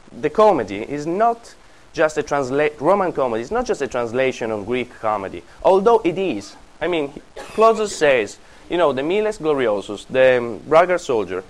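A man's voice: fairly high pitch, low-quality recording. A man giving a university lecture, thinking aloud and correcting himself as he explains. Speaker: classics lecturer.

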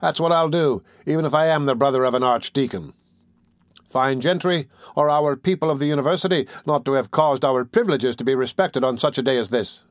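A man voicing a mischievous young male student who taunts the crowd in a lively, mocking way. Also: medium pitch, fairly quick, dry recording, studio quality, close to an everyday voice. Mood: cheeky.

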